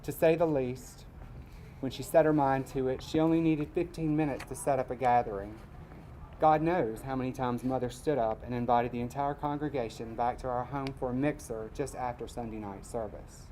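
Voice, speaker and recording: A man's voice: mid-range voice, fairly even intonation, mellow, slight background noise, rough recording. Man reading his own essay. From Mississippi, US. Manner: measured storytelling, wry asides. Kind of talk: reading a personal essay aloud. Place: live reading event.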